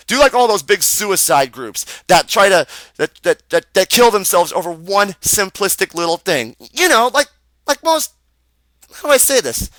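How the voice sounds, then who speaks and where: A young American man rants into his camera, cursing hard and tripping over his words in his anger. His voice sits a little high and comes out bright and forceful. The sound is close and dry, with no room echo. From United States. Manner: profane, heated, stammering rant. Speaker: vlogger. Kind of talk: angry webcam rant.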